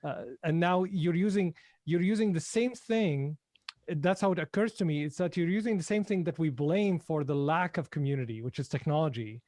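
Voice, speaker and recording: Podcast host, man from Syria, higher voice, reflective, hesitant, dry close sound. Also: moderate pace, a little mellow, dry recording. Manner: engaged, reflective, hesitant restarts. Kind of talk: casual interview talk.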